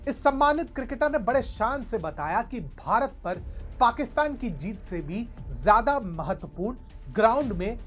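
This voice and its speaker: Female narrator for scripted commentary: emphatic and rhetorical, with an animated pitch range. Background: faint background music.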